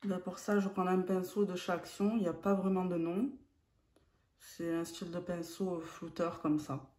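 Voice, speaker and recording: A woman explaining a makeup look step by step, in a calm tutorial manner. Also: lowish voice, moderate pace, reverberant. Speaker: beauty vlogger.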